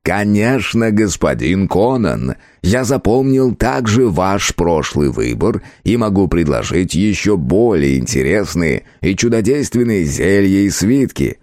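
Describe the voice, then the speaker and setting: A timid alchemist shopkeeper in a fantasy storybook, slow and courteous in speech, breaking into stammers as fear takes him, as a male narrator puts him on. The voice sits up higher and drawn out, in a dry, close reading. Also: sing-song, a little mellow, no room sound. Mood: polite. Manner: slow, polite, stammering when scared.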